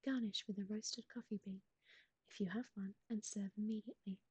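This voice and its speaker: A woman whispering recipes in a soft ASMR style, close to the mic, with gentle asides to a pet. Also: mid-range voice, fairly even intonation, brisk, a little hiss or hum. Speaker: ASMR streamer.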